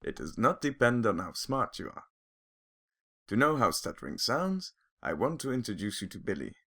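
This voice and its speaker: A man narrates an animated explainer in a calm, clear, step-by-step way. His voice sits low and has a gravelly edge. His pitch moves in a lively way as he explains. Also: normal speed.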